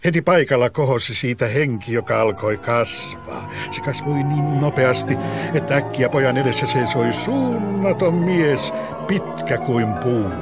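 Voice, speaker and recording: A man narrating a fairy tale in a calm, even storybook reading. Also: medium pitch, loud music behind the voice.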